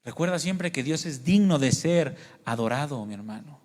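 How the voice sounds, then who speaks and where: A man's voice: on the high side, expressive, normal speed, darkish tone, in a large hall. A man preaching a sermon, earnest and personal, asking the congregation questions and calling them brothers and sisters. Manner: tells personal testimony, asks the congregation questions. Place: church hall.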